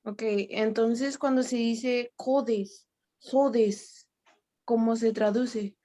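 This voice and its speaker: Alumna lenta que pregunta con cortesía. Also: female voice, fairly high pitch, fairly even intonation, very slow, dark tone. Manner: polite, hesitant questioning. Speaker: student. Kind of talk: asking a question in class. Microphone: video call.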